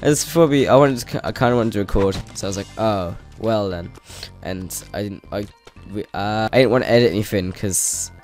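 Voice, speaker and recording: A man's voice: fairly low pitch, a little fast, few pauses, a little mellow. Congested man chatting over gameplay. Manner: rambling, hesitant, laughing often. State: congested with a cold. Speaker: gaming channel host. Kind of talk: casual gameplay commentary. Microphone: desk microphone set to high sensitivity. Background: game music.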